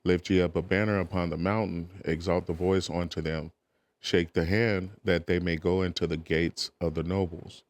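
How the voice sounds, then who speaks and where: A man's voice: low voice, little pitch movement, moderate pace. A man preaching, reading archaic scripture verses aloud and breaking in with short asides to his listeners. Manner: reads archaic verses, tags asides with "all right?".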